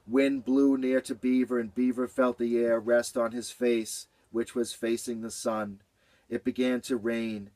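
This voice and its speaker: Slow, gentle male storyteller. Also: medium pitch, flat delivery, no room sound. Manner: slow, gentle, rhythmic repetition. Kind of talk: children's story reading.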